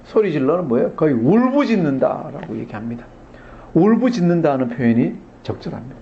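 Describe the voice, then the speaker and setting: A man's voice: fairly high pitch, big pitch swings, a little fast, dull audio, slight background noise. Man preaching an acted-out sermon. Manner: acts out the blind men's cries and the crowd's hushing; asks the congregation questions. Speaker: pastor. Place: church sanctuary.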